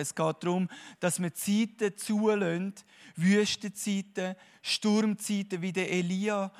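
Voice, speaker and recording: A man preaches in a fairly high voice. He swings from hushed, thoughtful stretches to loud, emphatic bursts. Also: vocal fry. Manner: animated, swinging between quiet musing and loud emphasis. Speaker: conference speaker. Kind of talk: sermon-like talk.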